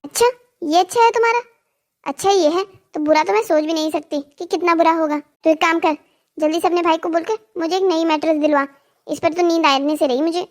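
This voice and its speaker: Voice actor doing a shrill complaining older mother-in-law. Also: steady tone, brisk. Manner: fussy, scolding, sharply rising shouts. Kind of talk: cartoon story voice acting.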